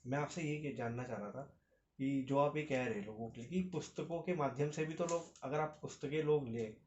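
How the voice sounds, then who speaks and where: A man's voice: medium pitch, fairly quick, a little mellow, reverberant, dull audio, a little hiss or hum. Hesitant man asking rambling questions. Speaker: interviewer. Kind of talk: interview questions.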